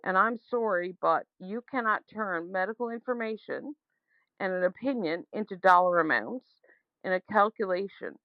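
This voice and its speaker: Casting: woman leaving a voicemail complaint, argumentative and emphatic, mid-pitched, on a dull dry phone recording. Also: animated, moderate pace, no echo. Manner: indignant, insistent, emphatic, argumentative. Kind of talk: leaving a voicemail, airing a grievance. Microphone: telephone.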